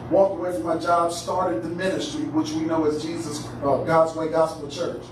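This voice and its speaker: High-voiced preacher man in echoey church. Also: noisy background. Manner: animated, calls on the congregation, often laughing and shouting. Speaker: pastor. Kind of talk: lively preaching sermon. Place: church sanctuary. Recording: echoey hall, voice from far off.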